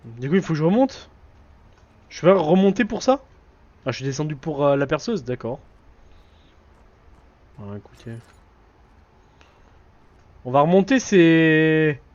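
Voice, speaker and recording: A man streams a horror game in a higher-than-usual voice that swings widely, jumping from quiet asides to loud, mock-angry outbursts at the characters on screen. The audio is dull and lo-fi, like a home stream mic. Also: unhurried, pauses often. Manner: excitable, jokily scolds game characters. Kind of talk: live horror gameplay commentary.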